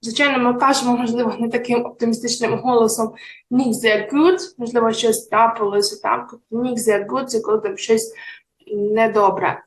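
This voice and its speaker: A woman teacher, giving a slow, clear German lesson for young children and stressing the German phrases. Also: fairly high pitch, a bit bright, echoey room, low-quality recording.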